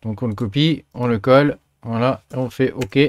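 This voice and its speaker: A man hosting a software tutorial, chatting through each step with many filler sounds. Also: mid-range voice, moderate pace, no echo. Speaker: tutorial host. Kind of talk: screen-recorded software tutorial.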